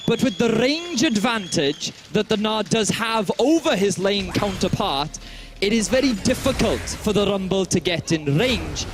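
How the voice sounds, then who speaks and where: A man's voice: high voice, background noise. A man casting an esports match while putting on an exaggerated Welsh accent with a grand announcer manner. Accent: Welsh, put on. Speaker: esports caster. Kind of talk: mock-formal esports analysis.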